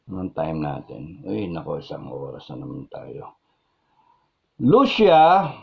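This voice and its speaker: A man with a Filipino accent hosting a live-stream vlog, reading viewer comments and ranting indignantly, switching between Tagalog and English and repeating phrases for emphasis. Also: on the low side. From Philippines. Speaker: vlog host. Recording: dull lo-fi sound.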